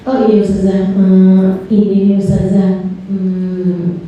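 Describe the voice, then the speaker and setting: A woman voicing a rambling, scatterbrained female congregant who talks slowly and aimlessly, heard from far off in an echoey hall. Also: mid-range voice, completely flat delivery, dark tone, voice pushed down, close to an everyday voice.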